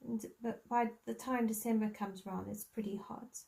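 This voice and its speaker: Her voice is on the high side, creaky and mellow, holding a steady tone at normal speed. The host, a South African woman in her thirties with a local accent, colors on a live stream, chatting in a friendly way and thinking aloud with lots of ums.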